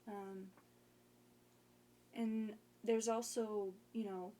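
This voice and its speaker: Slow, rambling young woman streamer. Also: medium pitch, flat delivery, mellow. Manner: rambling, hesitant, many fillers. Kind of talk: casual chat.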